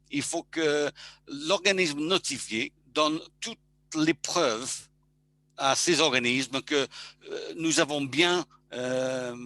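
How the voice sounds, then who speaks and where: A male engineer giving a webinar presentation, halting and full of restarts. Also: a little high, sharp tone, a little hiss or hum.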